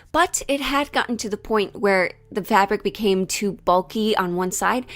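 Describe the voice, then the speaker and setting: A woman hosts a sewing vlog, chatty, jokey and self-deprecating, moving between casual asides and scripted narration. Her voice is medium in pitch and a bit bright.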